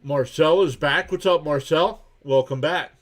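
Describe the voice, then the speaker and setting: Laid-back man calling pitches live. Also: measured pace. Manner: calls pitches and counts while reading out chat messages; chatty and laid-back, greets viewers by name. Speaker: live game reaction streamer. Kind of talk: casual live play-by-play commentary.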